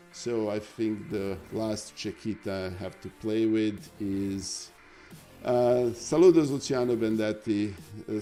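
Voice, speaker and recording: A man's voice: lowish voice, warm tone. A middle-aged man with a Serbian accent gives chatty live-stream commentary on chess games, full of fillers and asides to viewers.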